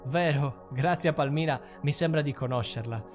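A man's voice: on the high side, normal speed, faint music behind, lightly acted. A man voicing a breezy, wry woman in her thirties who works in international policing, in a read-aloud story.

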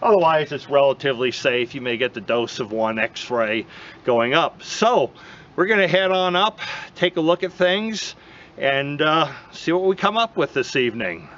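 A man giving easygoing, matter-of-fact narration to camera while hiking a snowy mountain trail at night, with pauses and fillers. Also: fairly high pitch, animated, a bit bright. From United States. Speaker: mineral prospecting vlogger. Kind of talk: casual outdoor narration to camera. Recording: dull lo-fi outdoor camera audio with noise.

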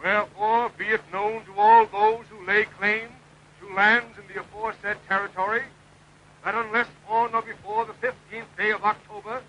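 An actor playing an official herald who reads out a proclamation in a formal, declamatory way. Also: male voice, high-pitched, pushed and bright, exaggerated voice, poor audio. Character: official male herald from the colonial capital, stiff and formal. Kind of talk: 1960s television drama acting.

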